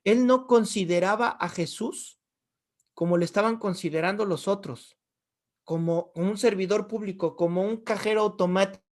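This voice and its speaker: A man's voice: sits high, moderate pace. A man, a pastor giving a sermon in a conversational way, with frequent rhetorical questions.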